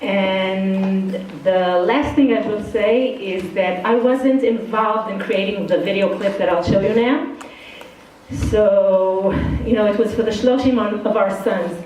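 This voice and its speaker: A middle-aged woman from Israel talks with an accent that blends Israeli and Brooklyn sounds, frank, casual and a little self-deprecating. She speaks in an ordinary middle pitch. Her voice carries from well away from the microphone in a strongly echoing hall, with a faint hiss underneath. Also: measured pace, darkish tone. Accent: part Israeli, part Brooklyn. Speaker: guest speaker. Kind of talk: informal talk to students. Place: indoor study hall. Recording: very echoey hall, far from the mic.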